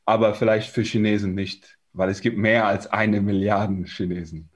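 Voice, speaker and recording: A German man preaching a sermon in short, conversational phrases, pausing for his interpreter. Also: lowish voice, steady tone.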